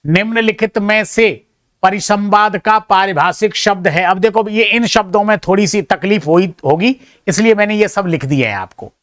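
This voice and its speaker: A man with a somewhat higher voice works through exam questions, reading each option aloud and then giving his verdict. He drops in modest, chatty remarks to his students between answers. The sound is dry and close, with almost no room in it. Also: moderate pace, a bit bright, no echo. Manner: self-deprecating, chatty asides to students. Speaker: teacher. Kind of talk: exam answer-key walkthrough.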